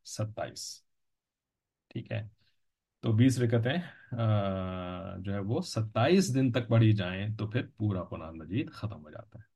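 A man's voice: lowish voice, expressive, slow, mellow, slightly rough. A man teaching a religious lesson in an explanatory lecture style, patiently repeating points and checking that listeners follow. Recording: dull lo-fi recording.

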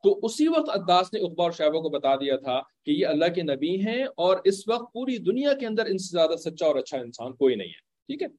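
A man tells a religious story in an easy, conversational way, pausing often to check that his listeners are following and slipping in English words. His voice sits somewhat high for a man. The recording is dry and close, with no room echo. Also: sing-song, a little mellow.

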